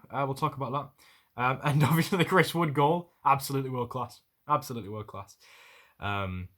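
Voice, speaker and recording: Man, mid-pitched, rambling fan analysis, lots of ums and restarts. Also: a bit bright. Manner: rambling, many fillers and restarts, laughs often. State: out of breath. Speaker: football fan vlogger. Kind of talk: casual post-match analysis.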